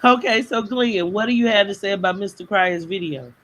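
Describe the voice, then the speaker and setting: A woman's voice: medium pitch, brisk, fairly bright tone, rough recording. A woman hosting a live chat show, sassy and teasing as she talks to her guests. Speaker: host. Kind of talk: casual chat.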